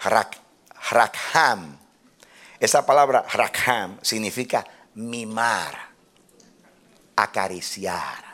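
A man preaching a sermon to a congregation, swinging from loud shouts down to hushed whispers. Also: on the low side, expressive, drawn-out words, pauses often. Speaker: pastor. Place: church.

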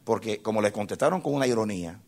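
A man preaching a sermon to a congregation, impassioned, asking them questions and repeating phrases for emphasis, swinging from hushed to loud. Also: fairly low pitch, expressive, quick pace, gravelly. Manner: addresses the congregation directly with questions.

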